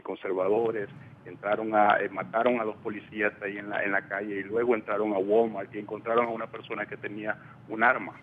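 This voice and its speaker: A man from El Salvador, a panel guest on a live news debate, speaking hesitantly with many fillers and restarts over a phone line. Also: fairly low pitch. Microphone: telephone. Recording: tinny phone line, faint hiss.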